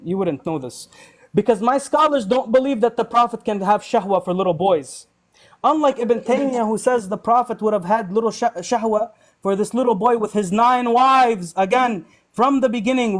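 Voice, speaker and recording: A man in a heated online debate, combative and taunting, insulting his opponent as he argues. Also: sits high.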